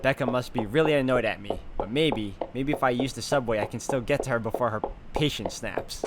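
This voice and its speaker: In a brisk, mid-range voice, a man plays through a visual novel for a let's play, reading the narration and reacting on the fly. Game music and heavy background noise sit behind him.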